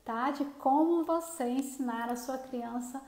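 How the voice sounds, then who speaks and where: High-voiced Brazilian mom vlogger. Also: female voice, unhurried. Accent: Brazilian Portuguese. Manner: chatty, warm, often asks viewers for agreement. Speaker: parenting vlogger. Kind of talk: casual advice talk to viewers. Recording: roomy echo.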